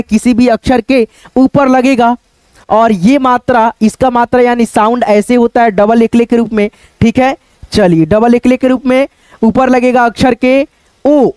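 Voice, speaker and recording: A man's voice: very high voice, a little mellow, clear, resonant tone, no echo. A man teaching the script in a repetitive, patient way, often asking his viewers check questions. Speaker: online Hindi teacher. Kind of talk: teaching at a board, explaining step by step.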